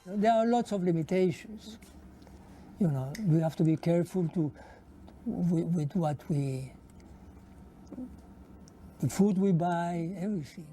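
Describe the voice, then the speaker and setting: A man's voice: high voice, unhurried, pauses often, dark tone, slight background noise. A man in his seventies, born in Poland, telling his story in a hesitant interview and often repeating himself. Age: 70s. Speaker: Holocaust survivor interviewee. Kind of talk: documentary interview.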